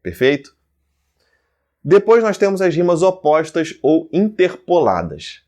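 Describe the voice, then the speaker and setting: A man's voice: fairly high pitch, unhurried. A man with a Brazilian Portuguese accent teaching verse forms to students, working through terms one by one and checking in with "certo?" and "ok?". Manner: lists terms one by one in a steady rhythm.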